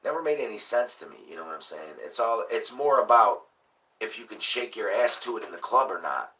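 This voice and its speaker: A man's voice: lowish voice, animated, fairly quick, sharp tone, distant mic, low-quality recording. A man in his late thirties hosting a livestream in casual chat, rambling and laid-back, with plenty of swearing. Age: late 30s. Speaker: livestream host.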